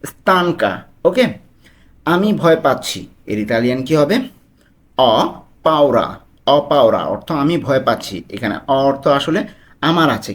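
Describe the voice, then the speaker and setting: Bangladeshi man drilling beginner phrases slowly. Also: medium pitch. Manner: slow, repetitive drilling of phrases. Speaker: language tutor. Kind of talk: video language lesson.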